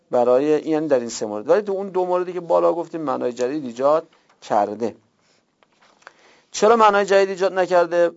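A man with a gravelly, creaky voice lectures a class, explaining each point patiently, repeating key words and flagging what is new. The recording sounds dull and lo-fi. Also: medium pitch, darkish tone. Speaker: teacher of Arabic morphology.

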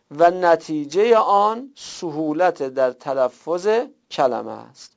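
A man teaching a class, explaining step by step with worked examples and rhetorical questions. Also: a little high. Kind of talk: classroom lecture. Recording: dull lo-fi recording.

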